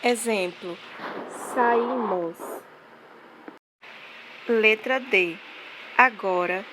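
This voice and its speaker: Slow-speaking woman teacher, noisy recording. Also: a little high, animated. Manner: slow, clear dictation of syllables. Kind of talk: online classroom lesson.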